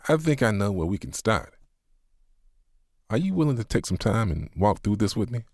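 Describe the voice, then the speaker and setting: A man voicing a patient older male pastor who speaks firmly and asks gently sarcastic questions. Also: fairly low pitch, sing-song, moderate pace, no room sound, clean studio sound, voice pushed up. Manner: firm, instructive, wry questions.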